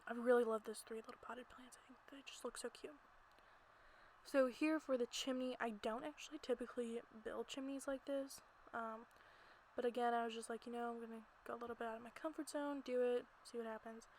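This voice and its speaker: A woman's voice: on the high side, fairly even intonation, fairly quick, rough recording. A woman giving a casual, rambling, giggly voiceover for a gameplay video, recorded in a small closet at home. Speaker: amateur video creator narrating gameplay. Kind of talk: casual chatty voiceover commentary. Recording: noticeable background noise.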